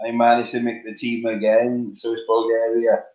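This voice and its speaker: This guest, a middle-aged competition flyer from Wales, speaks in a monotone at medium pitch and moderate pace. He's chatting casually over a video call while sitting on his living-room couch, often saying um and restarting, and his webcam gives roomy, dull lo-fi audio.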